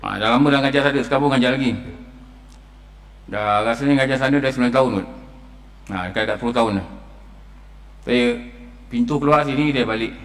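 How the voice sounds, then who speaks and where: A man's voice: mid-range voice, fairly even intonation, fast, long pauses. A man with a Malaysian Malay accent giving a dawn lecture at a mosque, telling stories and chanting Quranic verses. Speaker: preacher. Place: mosque hall. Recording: long reverb of a mosque hall.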